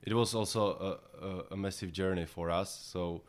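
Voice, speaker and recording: A man with a Czech accent and a low-pitched voice gives interview answers. He speaks haltingly, often doubling back on small words as he builds his explanation. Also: fairly even intonation. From Czech Republic. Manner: halting, repeats words as he goes. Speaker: podcast guest, head of localization and e-commerce at a software company.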